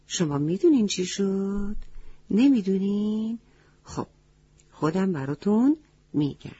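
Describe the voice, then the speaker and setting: A woman telling a children's story in a mellow, breathy voice. She talks gently and often turns to ask her young listeners questions. The recording is dull and lo-fi. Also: mid-range voice, animated.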